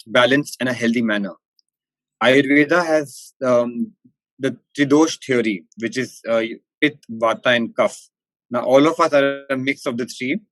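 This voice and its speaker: A man with a posh, educated Indian accent, giving considered interview answers in formal, articulate diction with hesitant pauses. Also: medium pitch, no room sound, rough recording. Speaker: interview guest, company managing director.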